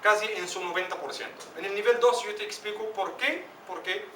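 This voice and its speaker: A man teaching an Arabic lesson to a class, asking students questions by name and drilling pronunciation slowly. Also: high voice, pushed and bright, slight background noise. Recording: echoey classroom from a distance.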